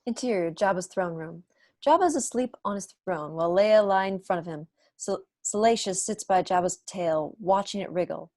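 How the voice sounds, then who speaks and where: Reading stage directions as narrator, this young adult woman joins an online table read from a small home room, using wired earphones on a video call. She has a mid-range, darkish voice at normal speed, captured with no room sound and studio quality.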